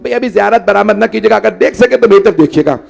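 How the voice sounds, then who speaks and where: A man's voice: high voice, gravelly, a little mellow. A man delivering an emotional mourning sermon. He pleads directly with the mourners and sounds tired and short of breath. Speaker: preacher at a mourning gathering. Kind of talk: emotional majlis sermon recitation.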